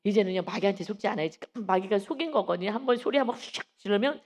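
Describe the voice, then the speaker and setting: A woman pastor preaching an early-morning sermon, emphatic and quick to act out the voices she quotes. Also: medium pitch, animated, darkish tone. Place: church sanctuary.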